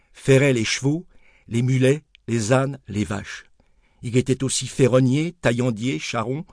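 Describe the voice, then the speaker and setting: A man narrating an audiobook in an expressive storytelling manner. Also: medium pitch, no echo, studio quality. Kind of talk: scripted narration.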